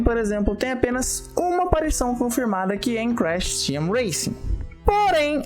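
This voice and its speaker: A woman with a Brazilian accent narrating a scripted video as a game channel host, with informal, chatty asides. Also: mid-range voice. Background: background music.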